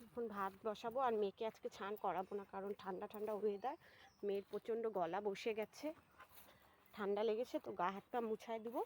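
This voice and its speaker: A woman's voice: medium pitch, fairly even intonation, fast talker, darkish tone, a little hiss or hum. A young woman chatting casually to viewers about her household chores in a vlog. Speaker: vlogger. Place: rural home and riverside.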